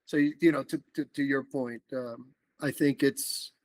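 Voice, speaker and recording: A middle-aged Dominican man, a political organizer guesting on a podcast, chats casually at a measured pace and medium pitch. His delivery is animated and rambling, full of fillers and restarts.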